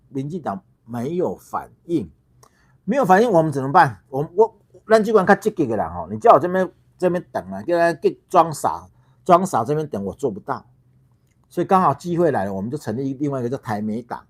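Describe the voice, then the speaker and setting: On his own political livestream, a middle-aged host from Taiwan who founded a political party delivers an impassioned solo rant. He curses liberally, stumbles over repeated words and keeps throwing out rhetorical questions, his fairly high voice rising and falling sharply.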